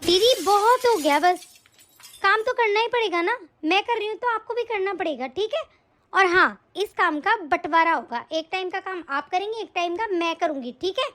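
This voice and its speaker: A woman's voice: very high voice, expressive, moderate pace, fairly bright tone. A woman voicing a pregnant, hard-working younger daughter-in-law in a cartoon story, firm and lecturing. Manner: firm, lecturing, matter-of-fact. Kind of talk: cartoon voice acting.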